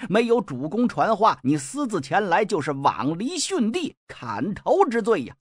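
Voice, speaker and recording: A man playing an arrogant, bullying middle-aged general who blusters and threatens loudly. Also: high voice, very animated, normal speed, no room sound, clean studio sound.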